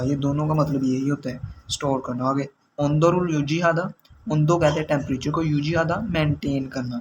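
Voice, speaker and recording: Man teaching vocabulary slowly, slightly high voice. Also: slight background noise, poor audio. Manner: slow, repeats and glosses each word. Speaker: language teacher. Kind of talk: explaining vocabulary to learners.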